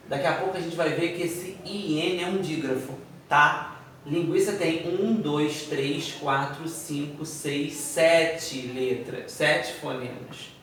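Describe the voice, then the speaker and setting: A man teaching a Portuguese phonetics lesson, spelling words out slowly and counting letters aloud, and sometimes putting his students' questions to himself. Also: fairly high pitch, a bit bright, far from the mic, slight background noise. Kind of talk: video lesson explaining phonetics. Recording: echoey room, voice from off-mic.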